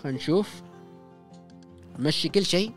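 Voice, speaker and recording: A young gaming YouTuber gives casual let's-play commentary, chatting to viewers and repeating short commands while he plays. His voice is a little high and animated at normal speed, recorded close on a studio mic in a small home studio while he wears headphones, with soft music behind.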